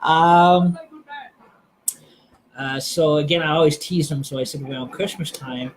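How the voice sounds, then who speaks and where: A man's voice: on the high side, a little slow, a little hiss or hum, poor audio. A man hosting a live stream, chatting casually and hesitantly, with many fillers and restarts. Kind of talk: casual rambling chat.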